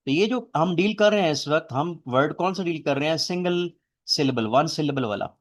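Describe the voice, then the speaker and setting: A man's voice: on the high side, normal speed. A man lecturing a classroom, explaining things step by step and quizzing his students. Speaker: teacher.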